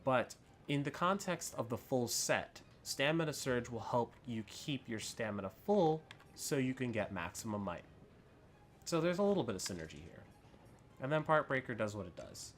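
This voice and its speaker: A man's voice: medium pitch, big pitch swings, normal speed, a little hiss or hum. A man giving casual, unscripted video game commentary as a host, rambling and thinking aloud as he goes. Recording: music under the voice. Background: background music.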